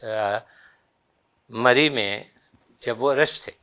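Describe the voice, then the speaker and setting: A man's voice: mid-range voice, pushed and bright. An older man, an interview guest recounting political memories and quoting others in a mix of Urdu and English. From Pakistan.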